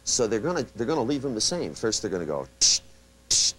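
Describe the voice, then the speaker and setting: In a live seminar, a male trainer lectures loosely with many restarts and asides, animatedly acting out the people he quotes in his stories. His mid-range voice is quick with a breathy edge, and the recording quality is low.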